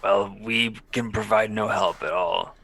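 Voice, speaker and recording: A man's voice: on the low side, unhurried, gravelly, sharp tone. A man playing a tabletop game, matter-of-fact and dry in his remarks. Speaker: player. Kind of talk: casual tabletop play.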